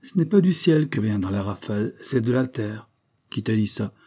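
A man reading a story voices an irritable, sharp-tongued sailor who mocks a shipmate. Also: on the low side, lively intonation, moderate pace. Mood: mocking. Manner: jeering, scornful.

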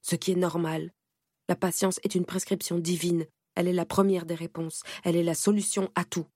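A woman's voice: fairly low pitch, flat delivery, fairly quick, warm tone, breathy edge, no room sound, studio quality. A woman voicing a harsh aunt who scolds her niece sternly and with contempt.

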